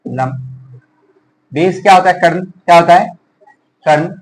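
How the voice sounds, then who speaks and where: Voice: medium pitch, a little slow, poor audio. A teacher giving a classroom math lesson, asking the pupils a question and then repeating the answer back to them. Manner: addresses pupils as children and dear.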